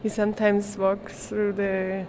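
Speaking slowly in a completely flat, medium-pitched voice with a darkish tone, this young guest artist from Switzerland answers an interview in English, her second language after German. Light laughter and frequent word-searching pauses mark her replies, and a faint hiss or hum sits under the recording.

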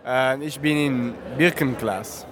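A man's voice: mid-range voice, slow. Young Italian male art student, thoughtful, searching for words, with a busy crowd around him. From Italy. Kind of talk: casual interview. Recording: outdoors with crowd noise.

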